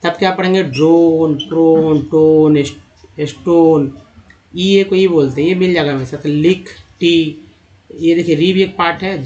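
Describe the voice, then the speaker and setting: A man teaching how to read English, spelling out letters and sounding out words, and calling his viewers friends. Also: fairly high pitch. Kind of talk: spoken phonics lesson. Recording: dull lo-fi voice recording.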